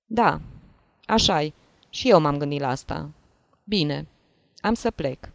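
A coarse, blustering rich man from a classic story, as a reader voices him. He speaks gruffly and brusquely. The sound is close and dry. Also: medium pitch, lively intonation, dry recording. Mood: offhand. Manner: gruff and brusque, shouting at a child. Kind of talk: audiobook reading of a classic story.

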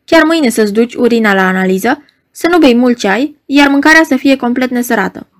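A woman's voice: on the high side, animated, lightly acted. A woman reading aloud, voicing a proud male professor who speaks in a dry, short, commanding way. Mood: curt. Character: curt, proud middle-aged male professor, doctor.

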